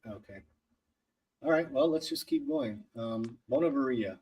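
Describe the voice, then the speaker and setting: A man's voice: mid-range voice, wildly swooping pitch, a little slow, gravelly, a little mellow, husky. Male podcast co-host, casual livestream chat, rambling, joking.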